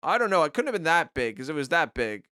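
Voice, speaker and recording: Deadpan man with a smooth, high voice. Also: fast, dry recording. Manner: deadpan, dry comebacks. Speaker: podcast co-host. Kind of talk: casual comedic chat.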